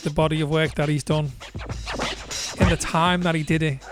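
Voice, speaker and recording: Male DJ host, offhand and cheeky, light voice, music playing loudly underneath. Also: fairly high pitch, steady tone, normal speed. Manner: laid-back, swears casually, chuckles. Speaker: DJ and livestream host. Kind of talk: casual chat between tracks.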